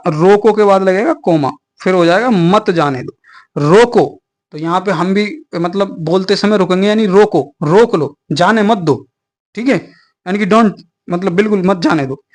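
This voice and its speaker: A man with a fairly high voice teaching an online exam class. He explains patiently and casually, with many small fillers and friendly asides to his students.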